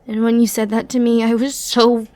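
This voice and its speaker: A woman takes on the role of a dangerous, flirty villainess banished in ancient times for an intimate ASMR roleplay, breathy and frequently near a whisper, with tender, brooding pauses for drama. Her voice is fairly high yet pushed down, level and dark in tone, natural-sounding, with no room sound. Hurt and regret colour her delivery.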